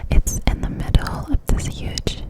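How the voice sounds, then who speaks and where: A person telling a casual story in an ASMR ramble, in a close-up cupped-hand whisper right at the mic. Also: unhurried. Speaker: ASMR creator.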